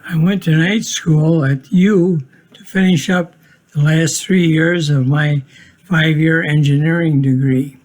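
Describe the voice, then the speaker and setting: An elderly man in his eighties from Minnesota narrates a family home video. He talks slowly and plainly, with a dry wit, and his voice sits a touch high for a man. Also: fairly even intonation, a little mellow. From Minnesota, USA. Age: 80s. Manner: plainspoken, matter-of-fact with dry humor.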